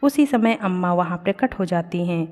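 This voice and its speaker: A woman narrating a scripted moral story in a plain, steady manner. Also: lowish voice, normal speed. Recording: long reverb.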